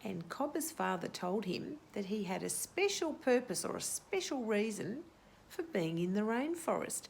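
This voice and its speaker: Reading a picture book to young children, a woman hosting storytime explains it in simple terms and asks her listeners questions. Her mid-range voice is sing-song and gravelly at a moderate pace, and the audio is poor with slight background noise.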